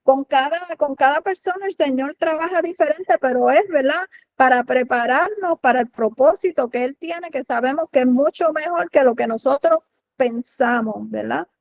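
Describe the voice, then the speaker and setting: Woman, high pitch, halting Bible study teaching, repeated restarts. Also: creaky, low-quality recording. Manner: halting, many restarts, frequent "¿verdad?".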